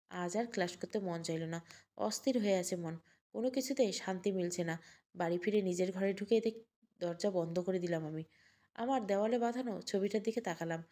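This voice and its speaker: A woman narrating a first-person audio story in a calm, measured way. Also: medium pitch.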